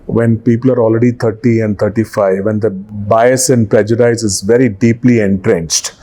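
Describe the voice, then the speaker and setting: A man's voice: on the low side, fairly even intonation, normal speed, warm tone. A man with an Indian accent hosting a podcast discussion, giving opinions with emphatic repetition and frequent filler phrases. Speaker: podcast host.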